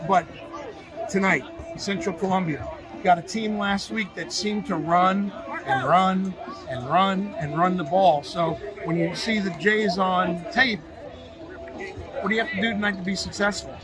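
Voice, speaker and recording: Brief: male football show host, high voice, analytical, music playing underneath. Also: unhurried, a crowd in the background, rough recording. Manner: conversational, analytical. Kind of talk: high school football preview and interview.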